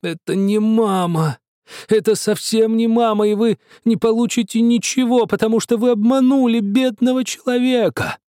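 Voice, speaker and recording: A man voicing an old Greek cobbler, angry and whining, with a shrill, piercing voice. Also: normal speed, darkish tone, no echo, studio quality, lightly acted. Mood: shrieking. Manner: wailing, spiteful complaints.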